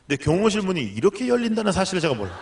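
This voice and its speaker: A man's voice: sits high, big pitch swings, rapid-fire, creaky, background noise. A middle-aged male pastor preaching a sermon, telling a story and acting out the lines of the people in it.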